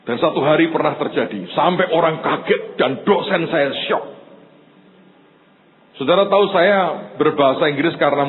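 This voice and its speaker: A male pastor, preaching in an animated storytelling way, acting out the people in his stories and often turning to the congregation. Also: on the high side. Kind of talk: sermon storytelling. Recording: tinny phone-like sound with faint noise.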